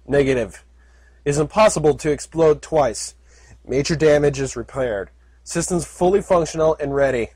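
A man's voice: a little high, normal speed, a little mellow, husky, no room sound. A man voicing an obedient suit computer that answers in clipped, mechanical statements. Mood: flat.

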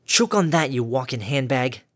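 A man voicing a brash, sarcastic adult female pegasus pony who yells taunts and mild curses. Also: high-pitched, very animated, slow pace, husky, dry recording, studio quality, voice pushed up, exaggerated voice. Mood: brash, taunting. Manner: loud, sarcastic, cursing mildly.

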